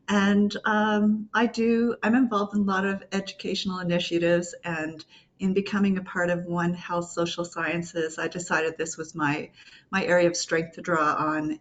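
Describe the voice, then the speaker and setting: A woman introducing herself as a working group leader in an online meeting, warm and cheerful. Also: fairly low pitch. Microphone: video call. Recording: muffled video call audio.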